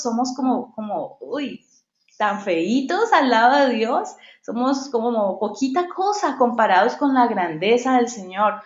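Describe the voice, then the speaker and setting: Woman, devotional Bible teacher, conversational storyteller; echoey, muffled recording. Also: on the high side. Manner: conversational, tells personal stories. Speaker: women's Bible study leader. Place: at home.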